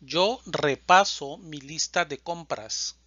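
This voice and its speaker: A man teaching Spanish, reciting verb conjugations in a slow, deliberate drill and stressing each verb form. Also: fairly high pitch, bright, forceful tone, no room sound, highs cut off.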